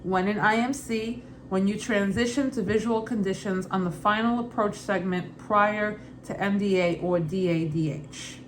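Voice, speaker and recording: A woman's voice: medium pitch, moderate pace, hardly any pauses. A woman with a loose Brooklyn accent reads study questions and answers aloud informally, repeating and rephrasing as she thinks through them. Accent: Brooklyn, put on loosely and unevenly. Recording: clearly noisy ambient background.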